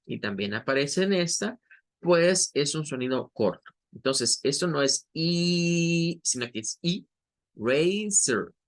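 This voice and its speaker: Male English teacher, patient explainer, middle pitch, models words slowly. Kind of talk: online pronunciation lesson.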